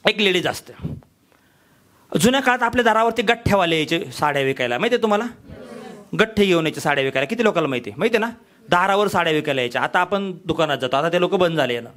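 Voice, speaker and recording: A man giving a motivational sales training talk, energetic and full of rhetorical questions to his audience. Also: sits high, fast talker. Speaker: business trainer.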